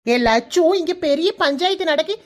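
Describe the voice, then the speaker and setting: A woman's voice: very high voice, lively intonation, moderate pace. A woman voicing a cheeky young village girl in a cartoon, bossy and teasing in Kanyakumari Tamil.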